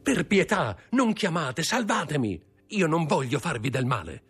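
A man's voice: medium pitch, very animated, fairly quick, slightly rough, soft background music, pitched above the performer's own voice. A man doing a cornered young rogue. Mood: pleading. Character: cornered young male criminal, pleading then insolent.

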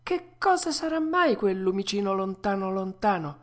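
A woman voicing a frightened, whiny wooden puppet boy, reading a storybook aloud in a shrill, tearful manner. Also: big pitch swings, normal speed, natural voice. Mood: anxious.

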